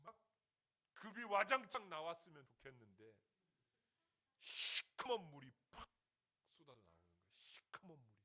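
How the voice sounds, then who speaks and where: A male senior pastor preaching a sermon, telling a story with animated delivery and frequent questions to the congregation. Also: on the high side, normal speed, long pauses.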